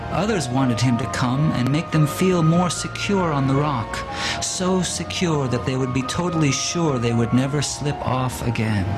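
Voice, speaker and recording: A man preaching in a solemn, measured way, recounting a vision as a sermon over music. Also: mid-range voice. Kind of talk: sermon reading of a vision story.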